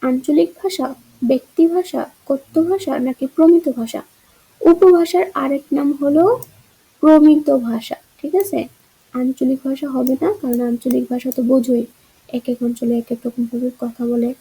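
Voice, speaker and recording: A woman's voice: sits high, fairly even intonation, moderate pace, mellow, husky, rough recording. A woman teaching an exam-prep grammar lesson, walking through answer choices and checking in with rhetorical questions.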